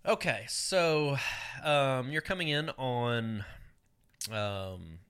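A man with a low, bright, forceful voice co-hosts a casual chat show. He talks loosely and hesitantly, filling pauses with "um" as he recounts things. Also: clean tone. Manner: relaxed, hesitant, many fillers. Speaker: podcast co-host.

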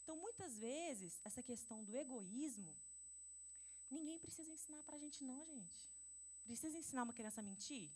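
A middle-aged woman with a Brazilian Portuguese accent preaches a sermon to her congregation. Her voice sits a little high, and she talks in a loose, conversational way, speaking right to the people in front of her. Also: expressive, moderate pace, dark tone. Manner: chatty, addresses the congregation directly.

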